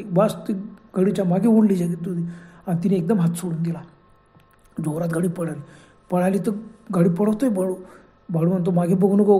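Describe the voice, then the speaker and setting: A man's voice: sits high, mellow. A man narrating a horror story in a dramatic, suspenseful way.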